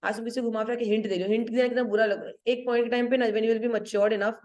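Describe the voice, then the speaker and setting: A woman's voice: fairly high pitch, fairly even intonation, a little mellow, lo-fi sound. Hindi-teacher woman explaining a play. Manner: switches between Hindi and English, checks understanding with "ठीक है?"; reads quoted verse lines slowly. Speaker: English literature teacher. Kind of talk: line-by-line lesson explanation.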